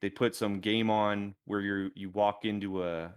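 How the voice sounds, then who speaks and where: A man co-hosting a gaming podcast, telling a story in lively casual chat and laughing easily. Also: fairly low pitch, a little slow, smooth. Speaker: podcast co-host.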